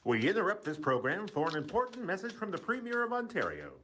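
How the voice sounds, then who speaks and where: Hijacked-broadcast announcer, put on by a man: high, quick, bouncy urgent read over a noisy played-back clip. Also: huge pitch swings, fairly bright tone, heavily acted. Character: male emergency-broadcast announcer interrupting a program. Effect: hijacked broadcast interruption, played back from a video. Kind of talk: formal announcer read in a comedy sketch.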